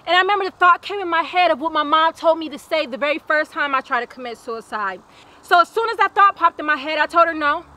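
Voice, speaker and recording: A woman's voice: high voice, quick pace, pushed and bright. A young woman recounting her own life in an earnest, plainspoken personal testimony, repeating phrases for weight. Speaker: survivor telling her own story.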